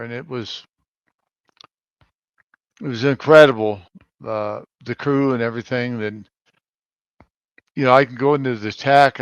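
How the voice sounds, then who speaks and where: A man in his seventies from Colorado, a navy veteran recounting his service in a halting way, with frequent pauses and loudness that rises and drops. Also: mid-range voice, gravelly, no room sound, lo-fi sound. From Colorado, United States. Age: 70s. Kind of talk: conversational interview answers.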